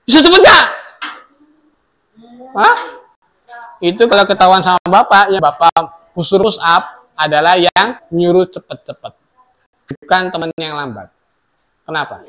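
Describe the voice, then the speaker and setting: A middle-aged male teacher giving a classroom lecture. He swings between loud outbursts and soft asides and acts out quoted remarks in sharp voices. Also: sits high.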